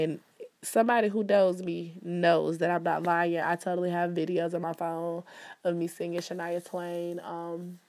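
Chatty stuffed-up woman, slightly low. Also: darkish tone. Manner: chatty, upbeat, calls listeners "baby". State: stuffed up with allergies. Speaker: host promoting events and services. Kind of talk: casual promo talk. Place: indoors, in the country.

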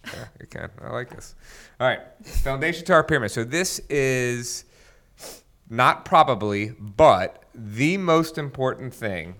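A man's voice: medium pitch, lively intonation, a little slow, a bit bright. A man co-hosting a casual fitness podcast, joking and upbeat as he leads the segments. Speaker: podcast co-host.

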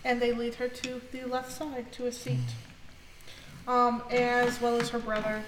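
A woman narrating as game master, pausing often with fillers and correcting herself mid-sentence. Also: a little high, completely flat delivery, fairly bright tone. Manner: halting, frequent fillers and self-corrections. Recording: echoey room, off-mic, background noise.

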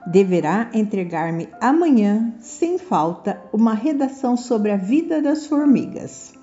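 A woman's voice: a little high, sing-song, unhurried, warm tone. A woman storyteller voicing a stern, commanding schoolteacher in a children's story, on a muffled recording with music behind.

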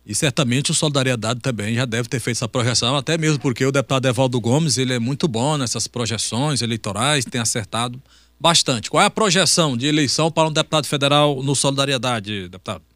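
A man's voice: mid-range voice, quick pace, fairly bright tone, no room sound. A man with a northeastern Brazilian accent hosting a live radio interview in a chatty manner. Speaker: radio host interviewing a politician.

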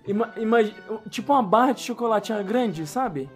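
High-voiced man telling stories. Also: normal speed. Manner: animated storytelling with slang. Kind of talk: casual chat. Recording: music playing underneath. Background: background music.

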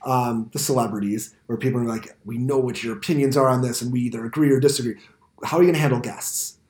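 A man's voice: mid-range voice, steady tone, fast, a little mellow. American man hosting in a roomy studio. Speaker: podcast host and teacher. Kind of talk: casual hosting and interviewing. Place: indoor school podcast studio. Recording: roomy, reverberant room sound.

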